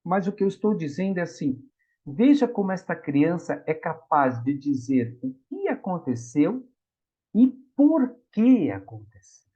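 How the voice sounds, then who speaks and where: A man's voice: a little high, unhurried, husky. A middle-aged man with a Brazilian Portuguese accent giving a spiritist lecture, telling stories and acting out the voices in them. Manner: animated storytelling, acts out quoted voices. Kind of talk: public lecture on the gospel. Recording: dull lo-fi recording.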